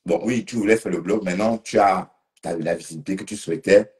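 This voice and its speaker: A man's voice: sits low, quick pace, a little mellow. A man a bit tipsy, rambling casually on a live stream and talking to commenters by name. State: slightly tipsy.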